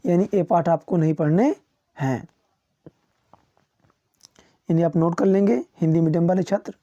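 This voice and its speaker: A male coaching teacher going through a syllabus, listing topics one after another and chuckling now and then. His voice is very dark and mellow. The recording is dry and close, with no room sound. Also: a little high, fairly even intonation, dry recording, highs cut off. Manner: slows down to read English titles. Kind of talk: syllabus walkthrough for students.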